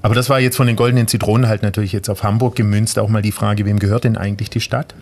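Man, lowish voice, casual radio chat, relaxed, joking asides. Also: very fast.

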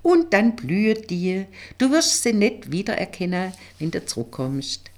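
A woman voicing a mischievous female colleague who teases with a Swabian accent. The voice is pitched up and lively, with a husky edge. It is an audiobook character voice. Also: unhurried. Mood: teasing. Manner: playful, bright and teasing. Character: cheeky female office colleague, playful and mischievous.

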